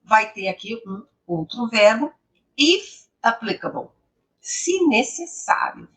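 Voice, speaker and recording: Woman teacher, slow and emphatic, bright voice, lively pitch, repeats examples. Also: distant mic. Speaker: English teacher. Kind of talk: explaining grammar to students.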